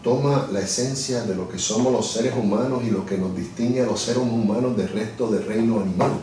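In an echoey office, a middle-aged lawyer and communications director sits at a desk and reflectively explains his views as an interview guest. His lowish voice is mellow and darker, a little fast, and he keeps searching for words and restarting mid-phrase. The distant recording carries a little hiss or hum.

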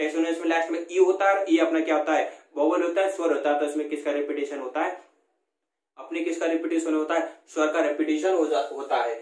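A man's voice: on the high side, steady tone. Echoey male teacher, drills repetitively. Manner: repetitive question-and-answer teaching, drawn-out example sentences. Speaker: English teacher. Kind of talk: classroom lesson explaining grammar. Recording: echoey room.

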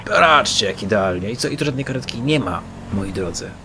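A man's voice: on the low side, animated, fairly quick, very noisy. A man giving joking, mock-boastful commentary while playing a game. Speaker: gameplay commentator. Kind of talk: gameplay commentary. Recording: loud game sounds of engines and sirens.

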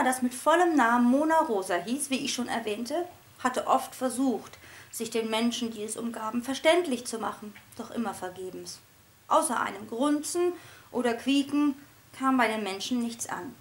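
A woman reads her own children's book aloud in a lively storybook narration. Her voice sits high and stays expressive, with animated shifts in pitch.

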